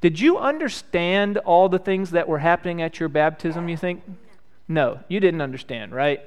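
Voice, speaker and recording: A man in his thirties, a pastor leading prayer and a children's message, speaking gently and asking the children simple questions. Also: a little high, lively intonation, normal speed, smooth. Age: 30s. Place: church.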